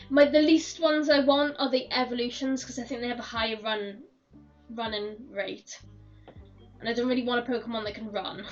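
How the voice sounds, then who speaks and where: A hoarse woman with a fairly high voice rambles happily through a game stream, laughing as she goes. She sits a little back from a dull-sounding mic, with soft game music under her talk. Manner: chatty, rambling, laughs often. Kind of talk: casual chat while gaming. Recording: dull, slightly distant mic.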